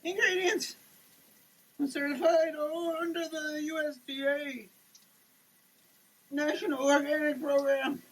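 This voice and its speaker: In a noisy shower with the water running, a performer gives a theatrical, comedic dramatic reading of label text, swinging between grand declaiming and muttered asides. Their high, slightly bright voice keeps a fairly even intonation at a slow pace with frequent pauses, and they choke, cough and gasp as the water soaks them.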